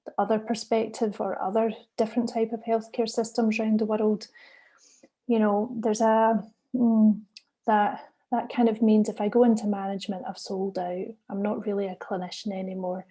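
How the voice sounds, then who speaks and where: Woman, middle-aged, mellow warm tone, earnest encouraging talk. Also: mid-range voice, little pitch movement, moderate pace. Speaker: consultant geriatrician giving a talk. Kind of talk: recorded conference presentation.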